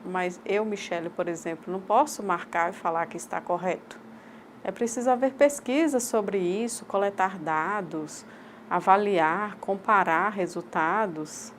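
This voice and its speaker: A woman with a Brazilian accent voicing a sign language teacher's lecture aloud, in measured, halting short phrases. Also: mid-range voice, slight background noise. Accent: Brazilian Portuguese. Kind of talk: voiced interpretation of a lecture.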